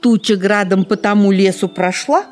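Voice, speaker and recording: A woman voicing a nosy, accusing female magpie in a storybook reading, with excitable exclamations. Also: medium pitch, moderate pace, faint music behind, pitched above the performer's own voice, natural voice. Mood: indignant.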